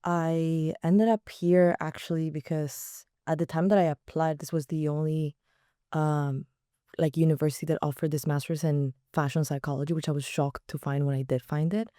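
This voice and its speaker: Brief: young woman, mid-pitched smooth mellow voice, dry sound, chatty and casual. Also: fairly even intonation, normal speed, no room sound. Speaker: graduate guest. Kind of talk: interview answers.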